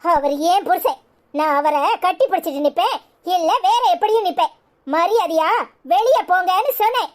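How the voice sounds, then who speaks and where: A woman doing a high, bossy young wife with a Tirunelveli Tamil accent. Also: animated, normal speed. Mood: defiant. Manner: scolding, defiant. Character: sharp-tongued young wife, defiant and bossy. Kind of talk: cartoon voice acting.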